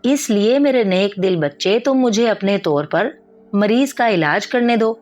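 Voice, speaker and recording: A woman voicing a wise old male healer and magician who speaks in a measured, lecturing way. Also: mid-range voice, expressive, darkish tone, highs cut off, natural voice. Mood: calm advising.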